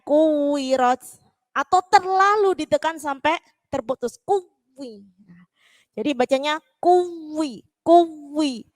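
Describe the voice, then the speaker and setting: East javanese woman teaching recitation, high voice, slow and patient, dry close mic. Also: dry recording. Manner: slow, repeats syllables, drawn-out chanted recitation. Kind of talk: online recitation lesson.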